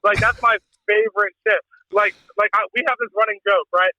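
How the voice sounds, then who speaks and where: A man's voice: high voice, steady tone, brisk, sharp tone, dry recording, dull audio. A man telling profane, joking stories in a rambling casual chat as a podcast guest. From Pennsylvania.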